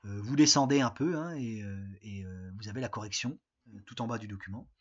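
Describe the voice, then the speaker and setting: A man's voice: fairly low pitch, a little fast, breathy edge. A man from France, an English teacher, recording a remote lesson and walking his students patiently through each step, with many fillers. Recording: dull lo-fi sound.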